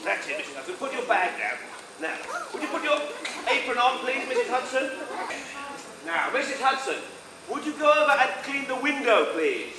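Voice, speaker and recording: An actor playing a pompous English gentleman detective on stage with an English accent, theatrically coaxing a live audience to join in. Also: very high voice, sing-song, moderate pace. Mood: playful. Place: large indoor sports hall. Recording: echoey hall, loud audience noise. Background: noisy crowd of children.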